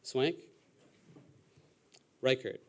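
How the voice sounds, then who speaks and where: A young man chairing a student senate meeting, moving briskly through roll call and procedural votes. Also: fairly bright tone. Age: young adult. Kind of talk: parliamentary procedure.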